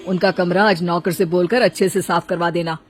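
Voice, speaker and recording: A woman's voice: on the low side, fairly even intonation, brisk, close to an everyday voice. A woman voicing a caring, coaxing young husband and son in a voiced story. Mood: calm.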